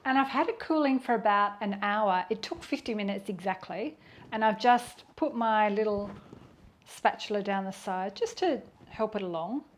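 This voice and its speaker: A woman's voice: medium pitch, expressive, normal speed, a little hiss or hum. A woman hosting a casual home baking tutorial, chatty and encouraging, talking the viewer through each step in her kitchen. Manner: chatty and encouraging, talks while eating. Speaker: home baking channel host.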